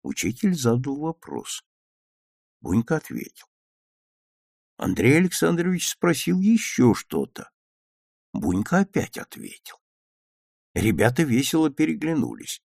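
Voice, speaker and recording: A man narrating a children's story aloud in an expressive, lively reading style. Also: medium pitch, measured pace, vocal fry, pauses often, no room sound, clean studio sound.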